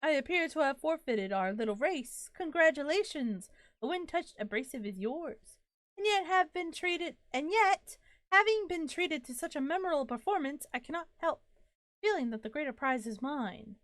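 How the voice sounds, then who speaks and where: A woman's voice: sits high, animated, normal speed, a bit bright, no echo. A woman reading as a grandiose disembodied voice. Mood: theatrical. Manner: ornate, theatrical old-fashioned phrasing. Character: grandiose mysterious disembodied voice, courtly. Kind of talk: reading game dialogue aloud.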